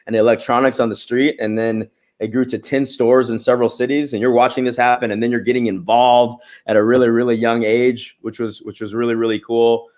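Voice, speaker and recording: A man's voice: medium pitch, flat delivery, fairly quick, a little mellow. A man moderating a business panel, asking long, wordy questions with enthusiasm.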